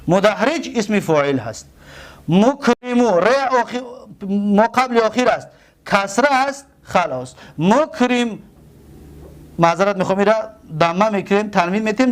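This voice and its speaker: A man with a Tajik accent teaching a grammar lesson, repeating terms slowly and asking and answering his own questions. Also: sits high. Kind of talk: classroom lesson.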